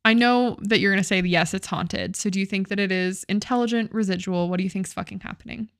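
A woman's voice: mid-range voice, steady tone, quick pace, dry recording, studio quality. A young woman co-hosting a podcast, retelling a ghost story in casual chat, swearing and using many fillers. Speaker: podcast co-host.

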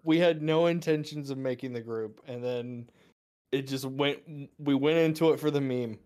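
Man, smooth voice, mellow tone, casual podcast chat, laughs a lot, relaxed. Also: mid-range voice, normal speed.

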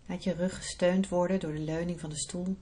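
Low-pitched woman guiding a relaxation visualisation. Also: steady tone. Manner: soft, slow, soothing guiding delivery. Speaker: podcast host, breathing therapist and yoga teacher.

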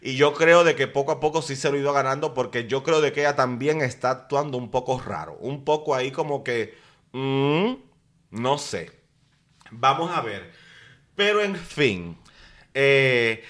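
This man's voice sits in the mid-range with a touch of brightness. Hosting his podcast, he dishes on a reality show in a dramatic, slang-heavy, casual way.

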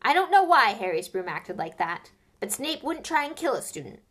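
A woman reads a big gruff gamekeeper in a storybook, talking loud and raised. His speech is homely and blunt, and he snaps back hotly when pushed. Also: on the high side, sing-song, moderate pace, pitched above the performer's own voice. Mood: gruff, heated. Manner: gruff, hot-tempered, country-folk speech. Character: big gruff half-giant gamekeeper man, defensive.

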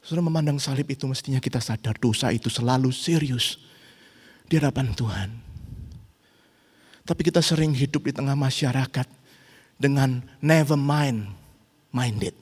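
A middle-aged man preaching a sermon as pastor, swinging between loud urgent rhetorical questions and quiet, intimate reflection. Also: mid-range voice, moderate pace, pauses often, husky. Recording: long hall reverb.

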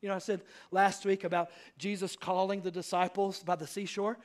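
A male pastor giving an earnest sermon, rising to loud appeals and dropping to hushed asides. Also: high voice, little pitch movement, fairly quick.

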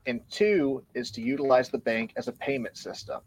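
A man's voice: medium pitch, lively intonation, moderate pace, a little mellow. A man, a guest on a podcast, explaining his view in casual discussion, earnest and a little out of breath. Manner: earnest, explanatory, reads from show notes. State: a bit out of breath.

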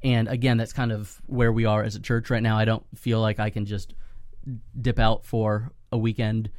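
A man's voice: fairly low pitch, little pitch movement, normal speed, darkish tone, no room sound. Casual joking man, dry close sound. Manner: joking, teasing. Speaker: podcast co-host and pastor. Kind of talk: casual podcast chat.

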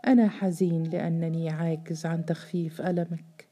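A grieving young husband speaks with earnest sorrow, as a woman narrator reads him. The voice is low and dark. This is a storybook reading. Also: level tone, normal speed, breathy edge.

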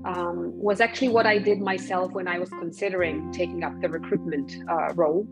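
A woman from Poland, a recruitment professional, answering interview questions in a measured, thoughtful way with frequent ums. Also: lowish voice, steady tone, over music, low-quality recording.

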